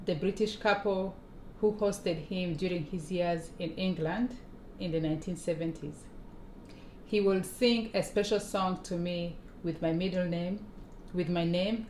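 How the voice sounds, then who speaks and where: Slow, measured Ugandan woman reading her memoir. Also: lowish voice, a little mellow. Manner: slow and measured, with pauses and small restarts. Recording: echoey room with faint ambient noise.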